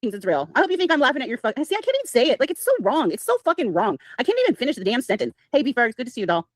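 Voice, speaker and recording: A woman hosting a casual livestream, her pitch a touch high and swinging widely. She talks quickly, with a sarcastic edge and plenty of swearing, close and dry on the mic. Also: wildly swooping pitch, no room sound. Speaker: livestream host.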